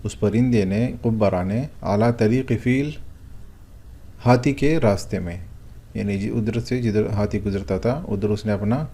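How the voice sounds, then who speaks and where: A man's voice: fairly low pitch, dark tone. A man teaching a vocabulary lesson, explaining words one at a time with frequent hesitant fillers and asking and answering his own questions. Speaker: Arabic teacher.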